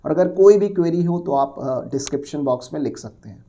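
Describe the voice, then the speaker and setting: Man explaining grammar rules in a mellow voice. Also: on the high side, lively intonation, brisk. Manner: explains patiently, repeats himself, asks the class questions and answers them; mixes Hindi with English words and phrases. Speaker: English teacher. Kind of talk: exam-prep grammar lesson.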